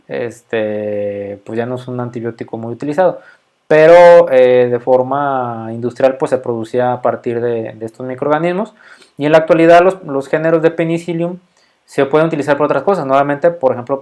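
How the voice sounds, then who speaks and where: A man's voice: medium pitch, darkish tone. A middle-aged Mexican man with a Mexican Spanish accent, giving a casual microbiology lecture full of fillers and frequent check-ins with his students.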